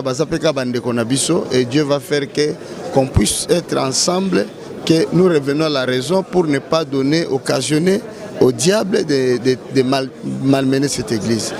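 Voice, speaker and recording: Hesitant pastor amid a crowd. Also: male voice, mid-range voice, normal speed. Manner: hesitant, many fillers, calm. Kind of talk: statement to press. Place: outdoors at a hotel.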